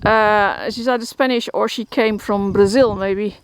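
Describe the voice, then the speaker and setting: In a rural field with outdoor noise and crickets in the background, a horse shelter keeper from the Netherlands casually rambles about her horses for a vlog walkthrough, full of fillers and restarts. She has a Dutch accent and a medium-pitched voice with fairly even intonation, and she speaks unhurriedly.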